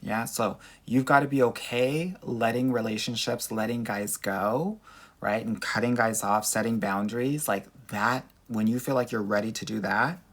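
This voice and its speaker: A dating coach and livestream host, this man speaks with a Southern California Valley Girl accent, handing out casual dating advice in sassy girlfriend-to-girlfriend talk full of "girl" and "honey." His voice is on the low side, with a steady tone and normal speed.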